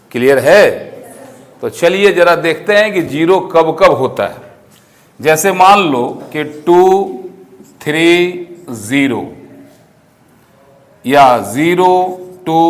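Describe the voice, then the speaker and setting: A male teacher lecturing a room full of students. His voice sits a little high and he speaks slowly, drawing words out as he dictates. He keeps firing questions at the class to check they follow. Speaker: commerce teacher.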